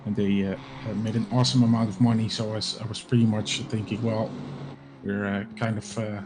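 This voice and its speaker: A very tired man hosting a charity sim racing stream, talking softly and rambling with lots of hesitant fillers. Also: on the low side, flat delivery, a little fast. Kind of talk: casual live-stream chat. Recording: noisy with background hum.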